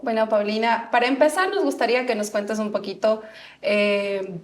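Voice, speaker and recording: Chatty female co-host asking questions. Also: fairly high pitch. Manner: warm, chatty questioning with quick affirmations. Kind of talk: casual interview hosting.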